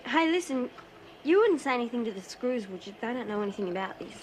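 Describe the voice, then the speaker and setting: A woman's voice: fairly high pitch, animated, fast talker, slight background noise, natural voice. An actress playing a chatty, cheeky female prisoner who runs bets, with an Australian accent. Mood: eager. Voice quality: bright, eager, slangy. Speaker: prison inmate. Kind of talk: TV drama acting.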